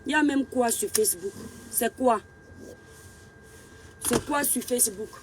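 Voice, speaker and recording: A woman hosting a casual live stream, warmly greeting viewers one by one and urging them to share. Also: a little high, a little slow, background noise. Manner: greets viewers by name, affectionate.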